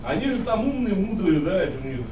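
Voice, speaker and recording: Мужчина из публики непринуждённо задаёт вопросы на живой встрече. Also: male voice, sits high, very animated, quick pace. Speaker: audience member asking questions. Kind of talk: casual questions from the floor. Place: echoey indoor hall at a live event. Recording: echoey hall, distant muffled mic, crowd chatter.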